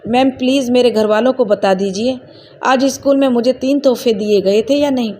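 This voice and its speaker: A woman's voice: on the high side, moderate pace, a little mellow, slight background noise, natural voice. A woman voicing a tearful young wife and teacher who pleads desperately. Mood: tearful pleading.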